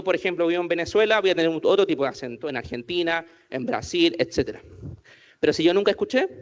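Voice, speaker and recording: Addressing a group at an inclusion workshop, a man with a fairly high pitch keeps asking the audience questions and says "¿cierto?" often. The high frequencies are cut off in the recording.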